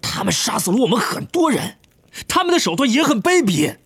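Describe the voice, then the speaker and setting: A man voicing a blunt, impulsive teenage wizard who talks eagerly and quickly. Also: very high-pitched, very animated, a bit bright, breathy edge, dry recording, voice pushed up, full character voice.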